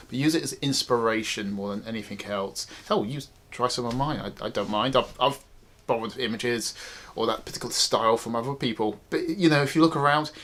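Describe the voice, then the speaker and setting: A man's voice: mid-range voice, fairly bright tone. A man, a wedding photographer, giving casual, emphatic advice to viewers in a chatty vlog. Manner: chatty, emphatic, repeats phrases.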